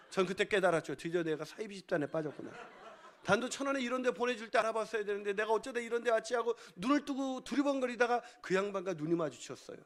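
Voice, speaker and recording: A male pastor preaching a sermon, telling a comic story with loud exclamations and hushed whispers. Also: extremely high pitch.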